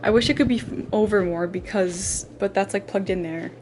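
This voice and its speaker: Chatting casually from her bedroom, a young adult woman vlogs in a bubbly way, packing her talk with fillers like "like." Her voice is medium-pitched, a little fast and darkish, with a faint hiss or hum in the background.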